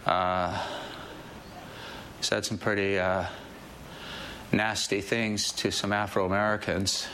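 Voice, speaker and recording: A man, a talk show guest, heard over a live satellite link, answering in a halting, subdued, apologetic way. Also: on the low side, flat delivery, sharp tone, slight background noise. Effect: live satellite link feed from a distant studio. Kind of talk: televised interview answer.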